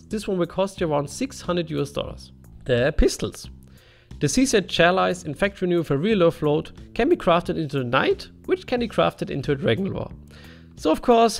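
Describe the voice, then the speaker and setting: A man's voice: on the high side, creaky. A man from Germany with a German accent, giving an informal voice-over commentary as a video creator. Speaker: video creator narrating a game item list. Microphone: voice-over over game footage.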